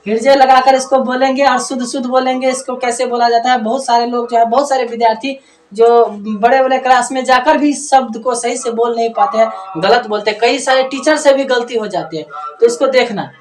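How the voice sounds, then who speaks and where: High-voiced woman teacher, echoey room. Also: steady tone, brisk, a little hiss or hum. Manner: patient and drilling, repeats each word and checks understanding. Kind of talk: pronunciation lesson.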